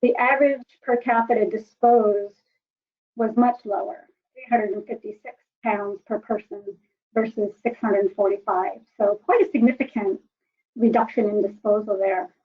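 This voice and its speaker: A woman's voice: medium pitch, steady tone, normal speed. A woman giving a webinar presentation with data slides, often hesitating with ums and restarts, her voice warbly over a computer connection. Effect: warbly voice through a computer connection. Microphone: computer microphone. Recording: dull, lo-fi computer audio.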